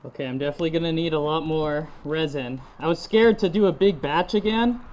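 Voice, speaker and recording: A young man chatting casually in a garage workshop vlog, self-deprecating and quick to laugh. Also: on the high side, a little mellow, a little hiss or hum. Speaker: vlogger.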